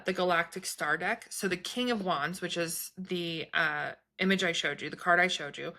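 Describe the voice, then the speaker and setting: Female vlogger, crisp bright tone on the lower side, loose conversational delivery that wanders and restarts. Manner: hesitant, self-interrupting, informal. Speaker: vlogger talking about trance channeling spirit guides. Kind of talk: casual rambling video chat.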